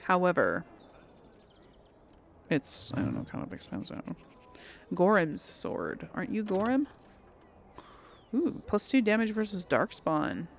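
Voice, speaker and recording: A woman hosts a casual game playthrough, chatting, thinking aloud and role-playing dialogue as she plays. Her voice is on the low side and creaky, very animated but unhurried, with frequent pauses. There's slight background noise.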